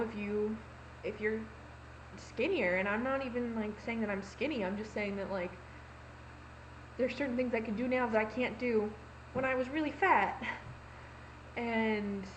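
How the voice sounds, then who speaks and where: A woman's voice: on the high side, slight background noise, poor audio. A young woman talking casually into her laptop, rambling with lots of fillers and acted-out quotes. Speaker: vlogger. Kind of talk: casual confessional vlog. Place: home room, laptop recording. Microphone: laptop webcam mic.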